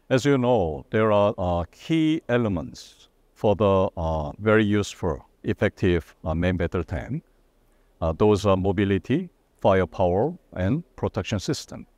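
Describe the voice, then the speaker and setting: A man in his sixties, a Korean native speaker, answering interview questions in English with a Korean accent, measured and formal, pausing often with fillers. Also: lowish voice, darkish tone, no room sound. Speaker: defense company executive.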